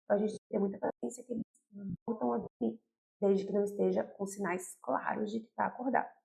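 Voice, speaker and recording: A woman's voice: medium pitch, fairly even intonation, fast, gravelly, dark tone, low-quality recording. A young Brazilian woman pediatrician explaining baby care to parents in a direct, explanatory way, often checking in with "tá?" and "né?". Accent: Brazilian Portuguese. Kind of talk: educational talk to parents.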